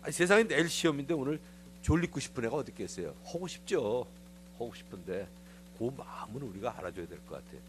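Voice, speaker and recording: A man's voice: mid-range voice, fast talker, noisy background. A middle-aged man, a pastor, giving a conversational sermon in a church, telling stories in a confiding, personal way. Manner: animated storytelling, acting out quoted voices. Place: church sanctuary.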